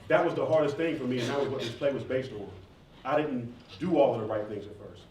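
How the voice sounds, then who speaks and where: In an echoey campus event room, captured on a distant mic with faint noise, a thirties-aged male rapper fields audience questions in an informal Q&A with students. He talks fast, conversational and emphatic, his medium-pitched voice carrying a darkish tone.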